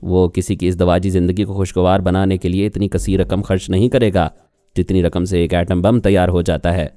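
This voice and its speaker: A man voicing a calm male telepath who reasons patiently on the phone, in an audiobook reading. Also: low-pitched, dry recording, clean studio sound, soft background music, lightly acted. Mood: persuasive.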